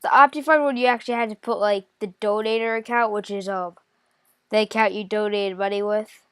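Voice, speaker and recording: A woman's voice: medium pitch, fairly even intonation, a bit bright, clean tone, dry recording, studio quality. Stuffy-nosed woman rambling through a game tutorial. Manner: thinks aloud, hesitant, many pauses and self-corrections. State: stuffy nose from a cold. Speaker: gaming tutorial creator. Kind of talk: casual screen-recorded game walkthrough.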